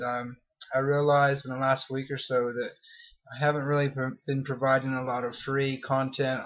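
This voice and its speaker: A man in his thirties from California, United States, with a mixed American and Australian accent, vlogs to his email subscribers as an internet marketer. His voice is a little high and the sound lo-fi, and he chats casually, rambling and apologizing with many fillers and restarts.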